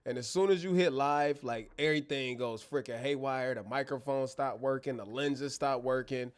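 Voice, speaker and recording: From his bedroom studio, a man hosts a casual live Q&A stream, chatting directly with viewers in slangy, joking fashion. He's an American born in Germany, speaking into a wireless clip-on mic. His mid-range voice is smooth and moves at a normal speed.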